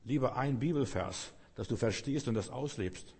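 A man's voice: medium pitch, moderate pace, a little mellow, slightly rough. A man preaching a sermon, speaking earnestly and addressing the listener directly. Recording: long reverb.

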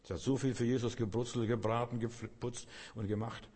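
A man's voice: medium pitch, level tone, a little fast, darkish tone, breathy edge. A man preaching a sermon, speaking earnestly and addressing the listener directly. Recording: long reverb.

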